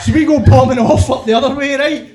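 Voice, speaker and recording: A man's voice: extremely high pitch, quick pace, a little mellow. A middle-aged Glaswegian man doing rowdy, sweary stand-up storytelling, laughing as he tells it. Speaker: stand-up comedian.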